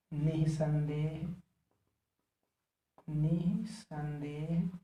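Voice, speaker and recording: A man teaching a grammar lesson, dictating slowly and repeating phrases so students can write them down. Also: a little high, mellow. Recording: echoey room, voice a bit far from mic.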